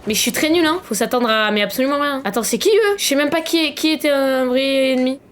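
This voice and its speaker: A young woman giving casual, slangy gaming commentary, excitable and swearing, with sudden loud shouts. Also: high voice, fast talker, slight background noise. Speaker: gaming streamer.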